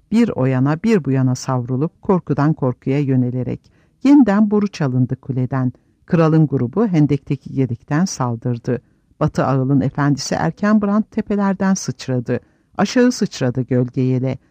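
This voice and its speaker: A man's voice: mid-range voice, warm tone, no room sound, muffled recording. A man narrating a fantasy audiobook with a dramatic storytelling delivery.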